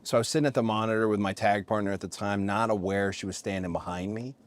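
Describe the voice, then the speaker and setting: Host: earnest deep-voiced man, stops and restarts often, casual talk. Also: fairly even intonation, fast. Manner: earnest, stumbling restarts, gets emotional. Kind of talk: casual interview chat.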